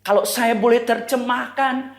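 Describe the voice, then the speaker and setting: A woman pastor with an Indonesian accent preaching a sermon, telling a story with animated, acted-out quotes. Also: normal speed. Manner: animated storytelling, acts out quoted voices with raised pitch. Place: church. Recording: echoey church hall.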